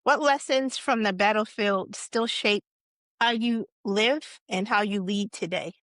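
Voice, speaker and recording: A woman host leads a podcast interview in a warm, affirming way and sprinkles in a few "um"s. Her voice sits in a middle range, recorded close and dry. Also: mid-range voice, unhurried, dry recording.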